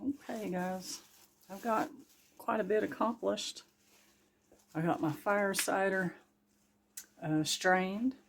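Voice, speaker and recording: A woman's voice: mid-range voice, fairly even intonation, slow pace, gravelly, long pauses, a little hiss or hum. A woman chatting casually to her viewers in a folksy, laughing way while she works outdoors in her garden. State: a little out of breath. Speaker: gardening vlogger. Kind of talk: casual vlog narration.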